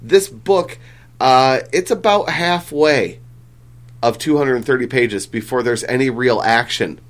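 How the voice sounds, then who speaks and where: A man's voice: medium pitch, measured pace. A man hosting a casual podcast chat, rambling with lots of fillers and the odd swear. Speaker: comic book podcast host.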